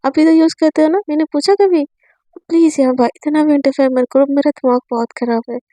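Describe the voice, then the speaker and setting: A woman's voice: high-pitched, steady tone, a little fast, mellow, no echo, lightly acted, rough recording. A woman voicing a practical, soothing young woman in college who coaxes her partner and mixes in English words. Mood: coaxing.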